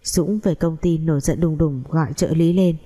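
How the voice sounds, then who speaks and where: A woman telling a family drama story in a calm, even narrating voice. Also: deep voice, moderate pace.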